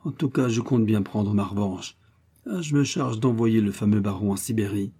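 A resentful, grumbling police chief, played by a male reader with a low, dark, husky voice. He is deferential to his master but sour underneath. This is audiobook character work. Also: normal speed.

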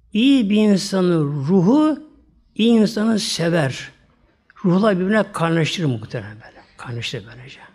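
A male preacher telling a religious story in a talk, speaking to his listeners directly, closing his phrases with soft trailing tags, and voicing the characters' lines himself. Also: high voice. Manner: acts out characters' quoted lines in his own voice.

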